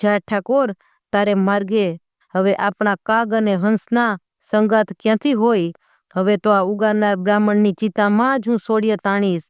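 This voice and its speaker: A proud young Rajput wife from an old folk tale, fierce and scornful, as a woman storyteller voices her. The voice is smooth and clear. It sits at an ordinary pitch, close and dry with no room sound. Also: steady tone, moderate pace, dry recording, lightly acted.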